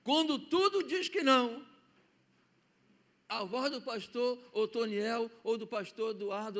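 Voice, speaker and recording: Male preacher with a Brazilian accent and a high voice; storytelling sermon with hushed-to-loud swings, recorded in a church. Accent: Brazilian Portuguese. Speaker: pastor. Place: church sanctuary.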